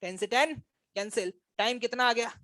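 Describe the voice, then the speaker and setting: Male physics teacher, high-pitched, dry sound, quizzes and ribs the class. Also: normal speed, pushed and bright, no room sound. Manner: quizzes and teases students, addresses them as brothers. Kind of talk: classroom lecture. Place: classroom with students.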